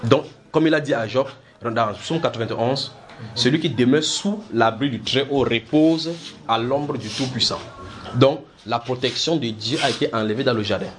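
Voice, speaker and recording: A man's voice: mid-range voice, moderate pace, slight background noise. A man preaching, teaching the Bible by asking his listeners questions, repeating words and pressing his points with energy. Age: adult.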